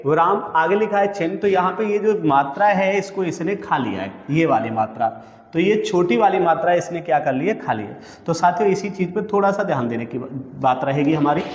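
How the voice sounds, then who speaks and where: Guy teaching exam prep, kinda high voice, keeps asking then answering himself, echoey room. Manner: calls listeners friends and brother. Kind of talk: exam coaching lesson. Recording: echoey room with long reverb.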